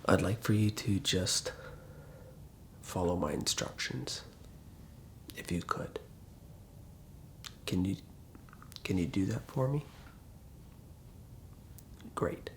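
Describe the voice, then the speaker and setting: A man in a hushed, breathy ASMR whisper, gently giving guided relaxation instructions with many pauses. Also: low voice. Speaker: ASMR host.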